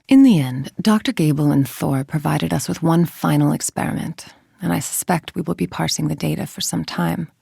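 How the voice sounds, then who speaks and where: A calculating, middle-aged woman plays a video game villain scientist, her low, gravelly, mellow voice exaggerated for effect. She speaks with clipped authority and cool, controlled menace, recorded very dry and close with no echo.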